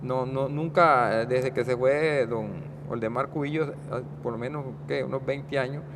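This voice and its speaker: A man in his sixties from Guanacaste with a Guanacaste Costa Rican accent, a guest talking in a casual interview, rambling and halting with many restarts. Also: mid-range voice, fairly even intonation, noisy background. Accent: Guanacaste Costa Rican Spanish. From Costa Rica, Guanacaste. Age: 60s.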